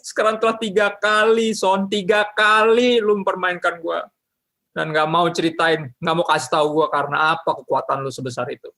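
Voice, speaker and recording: A whiny, nagging young woman, as a male preacher puts her on, raised in pitch and drawn out. Her reproaches come slow and complaining. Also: fairly even intonation, gravelly, pushed and bright, full character voice. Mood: whining.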